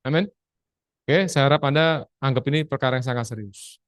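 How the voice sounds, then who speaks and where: A man with an Indonesian accent teaching a church lesson on prayer over a video call, urging and acting out forceful commands. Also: medium pitch, fairly quick, clean tone, dry recording, studio quality. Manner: exhorting, mixes English quotes into Indonesian, demonstrates commands loudly. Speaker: Bible teacher.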